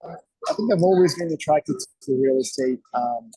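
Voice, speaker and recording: A man's voice: a little high, animated, dark tone, no room sound, rough recording. A man attending a webinar who answers a question hesitantly on a video call. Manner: hesitant, halting.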